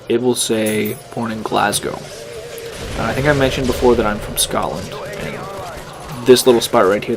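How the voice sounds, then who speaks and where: Teen guy, chatty gameplay commentary, mid-pitched voice, noisy game audio behind. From California. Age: teens. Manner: rambling, chatty, self-deprecating. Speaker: gaming channel host.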